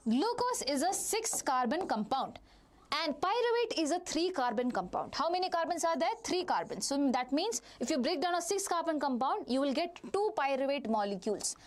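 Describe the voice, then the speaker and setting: Teaching biology live online, a woman with an Indian accent speaks at normal speed in a high, sing-song voice. She talks directly to the students, says phrases more than once, and asks questions only to answer them herself.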